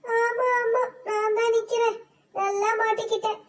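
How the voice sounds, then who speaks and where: A woman's voice: extremely high pitch, level tone, moderate pace, pitched above the performer's own voice. A woman voicing a grumbling young female doll who scolds a friend in a toy play story.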